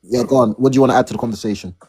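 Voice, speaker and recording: Brisk, husky-voiced moderator man. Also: medium pitch, dark tone. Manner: brisk, directive. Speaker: host. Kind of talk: moderating a live-stream debate.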